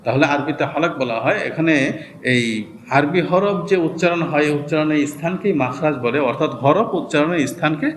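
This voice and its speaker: A male teacher giving a slow, careful lesson on pronouncing Arabic letters, repeating each sound several times. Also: fairly high pitch, a little hiss or hum. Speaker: Quran reading teacher.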